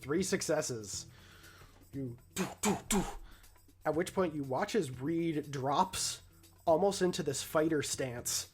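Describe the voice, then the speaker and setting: A man's voice: a little high, slow, darkish tone, soft background music. A man narrating an improvised tabletop game as the game master.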